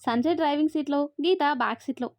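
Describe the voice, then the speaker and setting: A woman narrating a story in a steady storybook reading manner. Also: high voice, fast talker, no echo. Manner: steady storybook reading, voices every character herself. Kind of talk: scripted narration. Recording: dry, slightly dull recording.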